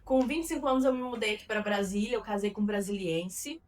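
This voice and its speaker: A woman's voice: medium pitch, quick pace, recorded from a distance. A woman with a Carioca accent, guesting on an interview podcast and telling her story earnestly, with a few fillers. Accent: Carioca Brazilian Portuguese. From Rio de Janeiro, Brazil. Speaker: guest, marketing consultant.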